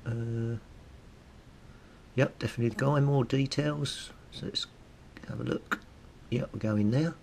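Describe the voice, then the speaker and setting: Unhurried and pausing often, this British hobbyist video host speaks with vocal fry, thinking aloud and muttering casually to himself during a how-to. A low rumble and steady background noise run beneath him.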